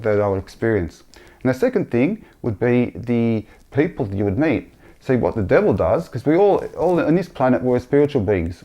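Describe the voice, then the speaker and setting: A man sharing a personal religious testimony in a halting, earnest way, often repeating himself. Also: medium pitch, warm tone.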